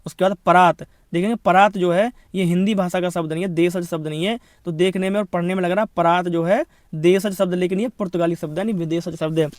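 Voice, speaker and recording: A man's voice: sits high, fairly even intonation, dry recording, studio quality. A man giving an exam-prep grammar lesson, rattling off word lists and checking in often. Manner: lists words rapidly, repeats "thik hai" as a check-in. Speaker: Hindi grammar teacher.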